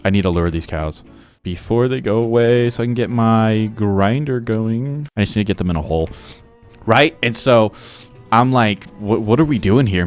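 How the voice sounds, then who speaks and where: A young man with a very low voice tells a meandering story about his job while he plays. He talks casually and leans hard on filler words, with soft game music under him. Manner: rambling, heavy filler words. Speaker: gaming vlogger.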